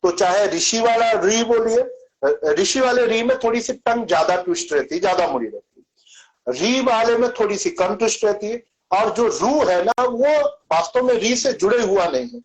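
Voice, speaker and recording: A man's voice: high voice, animated, normal speed, rough recording. A man answering questions on a video call, patiently explaining Sanskrit pronunciation and demonstrating sounds by repeating syllables. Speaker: Sanskrit and yoga teacher.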